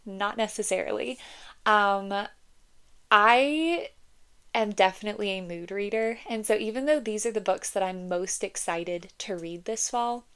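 With a clear, resonant, somewhat bright mid-range voice, a young woman vlogs about books at home, speaking a little slowly. She has a slight cold that leaves her congested. Her chatty talk, peppered with "like" and "um," alternates with blurbs read aloud.

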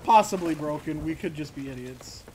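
High-voiced man bantering over a game. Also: lively intonation, normal speed, a crowd in the background, low-quality recording. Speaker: gamer playing with friends. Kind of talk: casual gaming banter.

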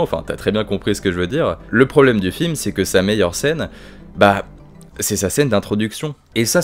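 A man's voice: on the low side, a little mellow. Chatty man reviewing a film. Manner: chatty, informal, frequent fillers and slang.

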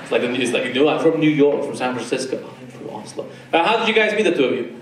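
Talking fast at medium pitch, a thirty-something comic does crowd work in a small club, ribbing audience members through a handheld mic with lively back-and-forth. The recording is distant and echoey, with crowd noise and bursts of laughter throughout.

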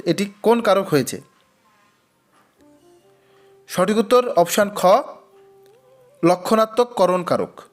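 A man teaching an exam-prep quiz lesson, reading each question twice before giving and explaining the answer. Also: sits high. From West Bengal.

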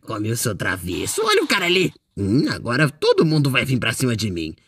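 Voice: medium pitch, huge pitch swings, normal speed, a little hiss or hum. A performer voicing a mischievous, boastful male ink demon in character while commenting on a game, with a playful, exclamatory manner.

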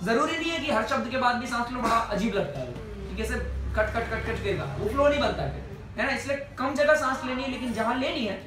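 A man's voice: very high-pitched, expressive, fairly quick, background noise. Man teaching singing, roomy distant sound. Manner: explains patiently, often checks with "है ना?", breaks into song to demonstrate. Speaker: music teacher. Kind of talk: music lesson with sung examples. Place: indoor music class. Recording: roomy, distant mic, music behind.

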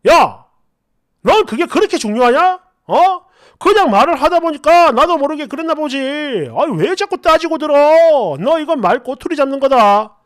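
A woman voicing an irritable young man who snaps and shouts defensively. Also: high-pitched, sing-song, normal speed, voice pushed up. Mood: angry. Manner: barking, defensive outbursts.

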